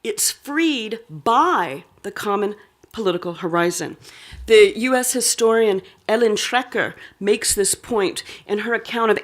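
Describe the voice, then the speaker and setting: A woman giving an academic lecture, reading a prepared text aloud with occasional asides and fillers. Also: mid-range voice. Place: lecture hall.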